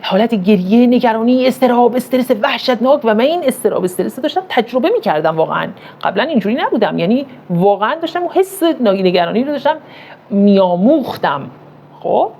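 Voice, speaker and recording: A woman's voice: fairly high pitch, creaky, darkish tone, a little hiss or hum. Emphatic Iranian woman giving a motivational talk. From Iran. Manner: rhetorical questions, storytelling, emphatic. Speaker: motivational speaker on parenting.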